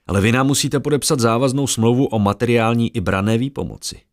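A man's voice: fairly even intonation, natural voice. A man voicing a young, greedy, slick squire who works crowds like a showman. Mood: smooth. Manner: loud barker-style pitching.

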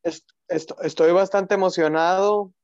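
A man's voice: high voice, fairly even intonation, unhurried, darkish tone. A young man co-hosting a football podcast as an emotional fan, chatting casually and repeating his phrases. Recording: roomless dry, slightly dull lo-fi audio.

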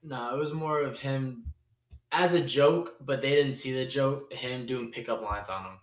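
A man's voice: mid-range voice, measured pace. A young man co-hosting a podcast, chiming in casually on shared stories. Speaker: podcast co-host. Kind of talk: casual chat. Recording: echoey room.

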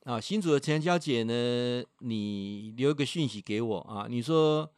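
A man with a Taiwanese Mandarin accent, a professor on a livestream, reading out a viewer's letter with animated storytelling and acting out its voices. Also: medium pitch, a little slow, soft background music.

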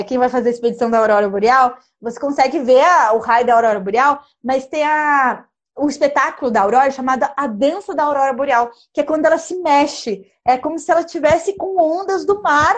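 A young woman telling a dramatic personal travel story in casual, animated chat. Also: high-pitched, a little fast. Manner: lively, animated, dramatic retelling with gestures.

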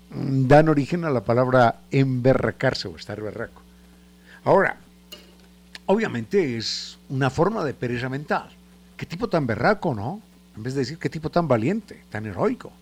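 Gravelly man explaining words. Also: mid-range voice. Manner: repeats words while groping for examples, chuckles often. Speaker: language teacher. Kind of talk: casual spoken lesson on word usage.

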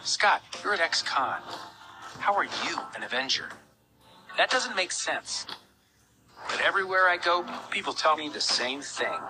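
A man's voice: on the high side, very animated, slow pace, long pauses, low-quality recording. An actor playing a wry, self-mocking male superhero, telling his story in a film trailer voice-over. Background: film music.

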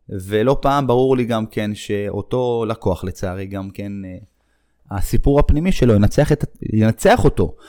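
A man's voice: mid-range voice, darkish tone, clear, resonant tone. A middle-aged man, a running coach hosting a podcast, talks in a reflective monologue full of hesitations and repeated phrases. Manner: reflective, repetitive, with frequent hesitations.

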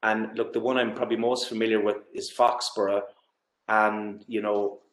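A man's voice: lowish voice, little pitch movement, moderate pace. A man from Galway with a west of Ireland accent, talking enthusiastically and casually about sport as a guest, often dropping in "you know". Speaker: interview guest. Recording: roomy, echoey sound.

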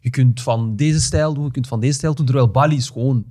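A man's voice: mid-range voice, brisk, warm tone. Man, casual podcast talk, frequent agreeing backchannels. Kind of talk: casual chat.

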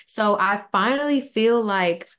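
In an unhurried, mid-range voice, a podcast co-host in her 20s retells something that happened to her, earnest and lively, voicing each line of quoted dialogue herself.

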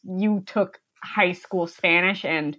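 A woman's voice: on the low side, slow, a bit bright. A young American woman from the United States, a podcast guest chatting casually, rambling with many fillers and frequent laughter. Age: young adult.

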